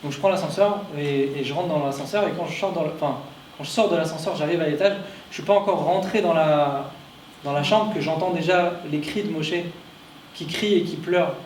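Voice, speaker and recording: A man's voice: on the high side, a little fast, slight background noise. Man telling a story in an echoey room. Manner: emotional, repetitive restarts. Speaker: conference speaker. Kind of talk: personal storytelling talk. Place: conference room at a clinic. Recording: echoey room, distant mic.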